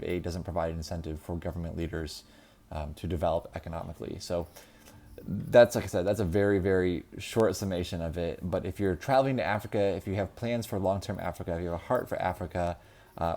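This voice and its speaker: A man's voice: low voice, a little mellow. A man in his thirties giving a casual, unscripted book review, with many ums and restarts. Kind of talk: casual solo video review.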